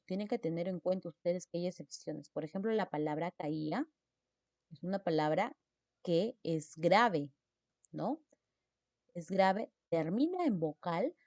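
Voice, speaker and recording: A woman's voice: fairly low pitch, mellow, no room sound. A woman teacher explains mark rules, repeating example words and checking in with her students. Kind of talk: spelling lesson on accent marks.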